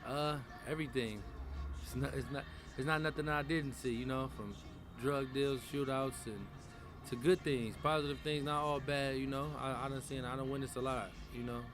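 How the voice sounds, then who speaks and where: A man's voice: medium pitch, steady tone, normal speed, over music. A man, a rapper talking casually in an interview, loose and slangy with many fillers and restarts. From San Francisco Bay Area. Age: 20s. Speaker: rapper guest.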